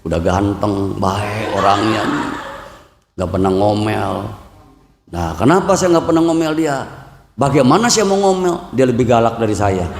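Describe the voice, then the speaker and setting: Joking Betawi preacher in an echoey hall. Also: male voice, lowish voice, animated, normal speed. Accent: Jakarta Betawi. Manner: joking and bantering with the audience; acts out dialogue with his wife. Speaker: Buddhist preacher. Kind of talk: humorous dharma talk. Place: temple hall. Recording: echoey hall, long reverb.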